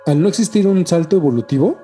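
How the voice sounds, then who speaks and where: Music plays under this podcast co-host's voice as he chats casually about ancient mysteries, speaking with a Mexican accent in a slangy, emphatic way and repeating himself a lot. He talks quickly, on the high side, with lively intonation and a dark tone.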